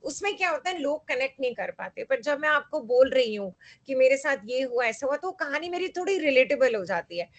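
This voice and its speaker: Woman, middle-aged, high pitch, workshop speaker, animated, mixes in English phrases. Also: a little fast. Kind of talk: lively workshop talk.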